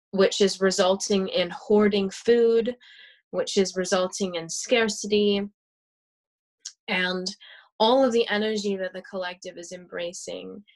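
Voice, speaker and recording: A woman's voice: mid-range voice, rough recording. Chatty woman on a spiritual podcast. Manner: chatty, laughs often, many fillers. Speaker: guest. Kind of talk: casual spiritual chat.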